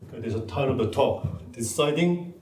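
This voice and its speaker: A man's voice: mid-range voice, fairly quick, darkish tone, a little hiss or hum. A man, a native Korean speaker, giving an informal academic seminar talk, chatty and repeating words as he writes on the board. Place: seminar room. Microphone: distant room mic. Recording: echoey room, far mic.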